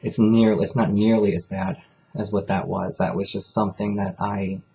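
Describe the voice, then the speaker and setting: A man's voice: lowish voice, level tone, normal speed, creaky, warm tone, dull audio, a little hiss or hum. A man talking candidly in a personal confessional vlog, rambling and emotional as he speaks. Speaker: vlogger.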